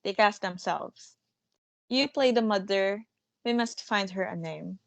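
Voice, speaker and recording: A woman's voice: medium pitch, measured pace, creaky, no echo. A bossy, self-assured theatre manager in a stage drama, played by a woman. The manner is scornful and commanding, brushing objections aside. It is recorded close and dry. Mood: amused, scornful. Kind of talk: dramatic stage-play reading.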